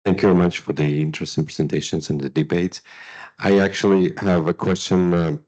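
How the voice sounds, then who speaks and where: A man's voice: low voice, fairly even intonation, a little mellow, lo-fi sound. A man from Russia, asking a question from the floor with frequent hesitations. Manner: halting, many hesitations. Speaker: audience member asking a question.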